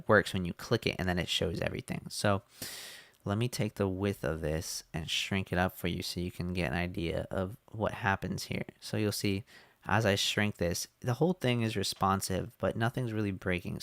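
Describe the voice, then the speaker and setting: A man explaining his website design in a casual screen-share walkthrough, relaxed with fillers, a little hoarse as he is losing his voice. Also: low-pitched, normal speed, no echo. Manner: relaxed, many fillers and restarts.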